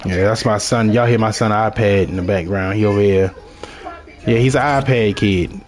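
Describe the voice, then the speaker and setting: A man's voice: fairly low pitch, moderate pace. A man from Baltimore with a strong local accent, chatting casually to viewers as he narrates his own video game session in a rambling way. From Baltimore, Maryland. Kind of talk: casual gameplay commentary.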